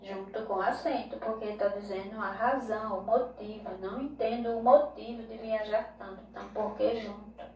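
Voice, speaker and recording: A woman's voice: medium pitch, warm tone. A Brazilian woman teaching a remote grammar lesson to children, explaining patiently step by step and checking in with tag questions. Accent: Brazilian Portuguese. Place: home room. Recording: echoey room, voice distant from mic, faint hiss.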